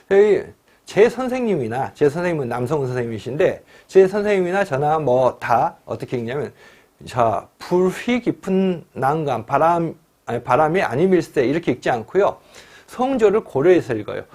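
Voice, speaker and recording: A middle-aged male lecturer guides exam students through his material. His voice sits a little high and moves around a lot. He keeps asking rhetorical questions and draws words out for emphasis. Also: darkish tone.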